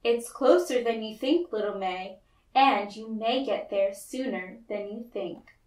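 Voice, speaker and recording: A woman voicing a gentle, encouraging father in a children's storybook. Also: a little high, measured pace, close to an everyday voice. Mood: reassuring. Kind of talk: children's storybook read-aloud. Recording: roomy, echoey, distant mic.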